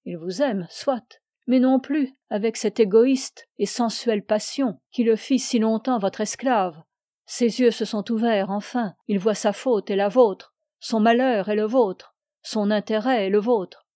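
Stern calm old moralist with a grey beard, measured and cold, mellow voice, read by a woman. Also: on the high side, dry recording, studio quality, lightly acted. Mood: grave.

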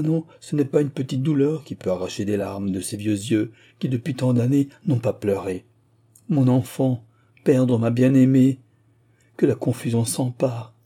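A man's voice: medium pitch, warm tone, slightly rough, lightly acted. A man voicing an impassioned old vicar. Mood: grieving. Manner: impassioned, declamatory outbursts. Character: aging male country vicar, grief-stricken and impassioned.

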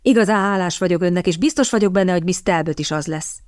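Audiobook: a composed, commanding gentleman, voiced by a woman narrator, lowish, dry delivery. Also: dry recording, lightly acted. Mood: firm. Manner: firm and commanding. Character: stern, composed young gentleman.

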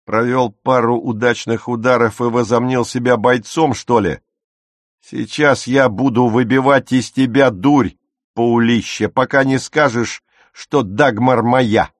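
A man voicing a hot-tempered teenage boy who yells and taunts his twin in a fight, for an audiobook. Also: medium pitch, steady tone, a little slow, dry recording, clean studio sound, close to an everyday voice. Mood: taunting. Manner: yelling, taunting.

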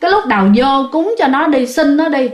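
A woman's voice: sits high, fairly quick, voice pushed up, close to an everyday voice. A woman voicing a stern elderly grandmother who scolds and gives advice. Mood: scolding. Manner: scolding, I-told-you-so. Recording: roomy echo.

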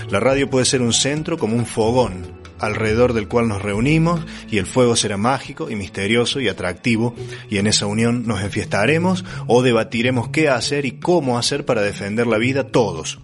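A man with an Argentine accent from Córdoba, a community radio worker giving a calm, poetic testimony about radio. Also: medium pitch. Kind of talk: reflective spoken testimony. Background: music.

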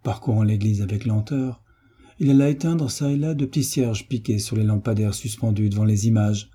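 A man narrating a novel as an audiobook reader, in a measured, even storytelling manner. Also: lowish voice, slightly rough. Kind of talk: scripted literary narration.

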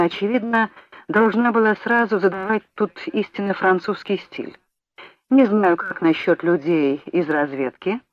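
A woman narrating an audiobook in a measured, even reading voice. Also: lowish voice, no room sound. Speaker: audiobook reader. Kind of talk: scripted narration. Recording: dull lo-fi audiobook recording, dry.

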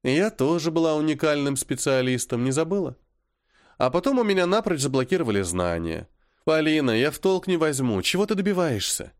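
Cool, scolding older sister, voiced by a man, dry and steady. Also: fairly high pitch, brisk, no room sound, pitched above the performer's own voice. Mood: lecturing. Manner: cool, lecturing, sharp.

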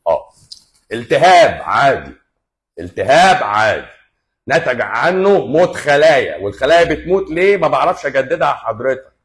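A medium-pitched man with an Egyptian Arabic accent lectures on health over a livestream, answering viewer questions as he stresses and repeats his points and blends in English medical terms. The livestream microphone picks up a reverberant sound.

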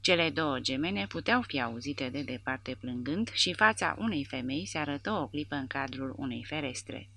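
Woman, audiobook narration, measured reading, gravelly, bright. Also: very deep voice, lively intonation, dry recording.

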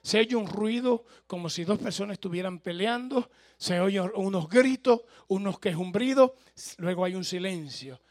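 A man's voice: high-pitched, normal speed, no room sound, clean studio sound. A male pastor preaching in a church, telling a humorous story and speaking directly to the congregation.

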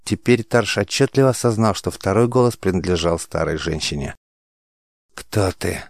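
A man narrating an audiobook in a measured, dramatic way. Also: low voice, animated, creaky, no room sound, studio quality.

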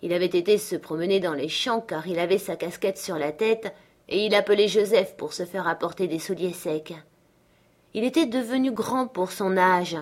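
A woman narrating a classic novel in a measured, even storytelling manner. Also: fairly low pitch. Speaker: audiobook narrator. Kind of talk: scripted literary narration.

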